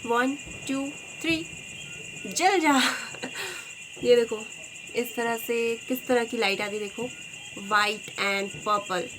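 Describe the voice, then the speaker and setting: A woman vlogger with a hoarse voice chatting casually to her viewers, filming on a phone at her home at night. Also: fairly high pitch, fairly even intonation, takes it slowly. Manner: chatty, talks straight to viewers. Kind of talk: casual festival vlog narration. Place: home at night, indoors and outside. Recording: noisy with crickets behind. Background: crickets and insects chirping.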